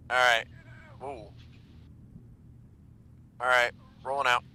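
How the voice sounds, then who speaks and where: A man chats over a headset while flying for his squad. He cracks dry, wry jokes in a sharp, very bright voice at an ordinary pitch. Faint noise sits behind him. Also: low-quality recording. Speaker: pilot in team game. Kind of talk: gaming voice chat.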